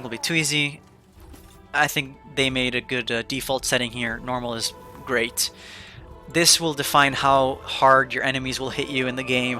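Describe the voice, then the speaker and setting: Bright-voiced man explaining a game. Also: medium pitch. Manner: rambling and upbeat, with fillers and restarts. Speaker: gaming video creator. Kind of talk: casual tutorial voice-over.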